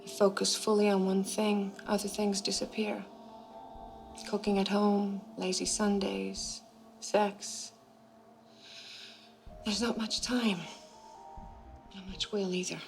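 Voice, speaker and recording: An actress playing a guarded, career-driven wealthy woman, speaking in measured lines in a television drama. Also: medium pitch, flat delivery, creaky. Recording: TV drama with music underneath.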